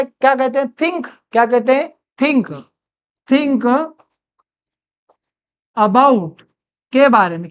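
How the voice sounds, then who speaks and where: A woman with an Indian accent leads a spoken English lesson, repeating each phrase and quizzing her students as she goes. Her voice sits a little high and comes out smooth and clear. She keeps a very slow, deliberate pace, and the recording sounds dull and lo-fi. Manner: slow, repetitive drilling with questions to students. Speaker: English teacher.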